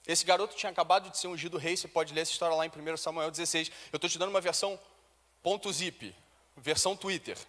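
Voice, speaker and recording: A man preaching a sermon as a pastor, retelling a story in lively modern slang with acted dialogue. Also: fairly high pitch, fast, in a large hall. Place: church.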